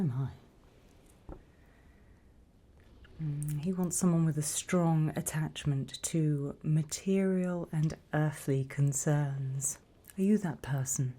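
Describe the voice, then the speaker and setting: A British woman whispers an ASMR roleplay as a sly, greedy female demon auctioneer, her low, soft, breathy voice heavily acted. She's deliberate and coolly questioning, sizing things up with cool appraisal.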